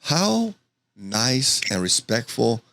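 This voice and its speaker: A man's voice: medium pitch, big pitch swings, slow pace, gravelly, a bit bright, no echo. A man hosting a casual podcast, effusive and full of hype as he introduces guests and fights. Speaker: podcast host.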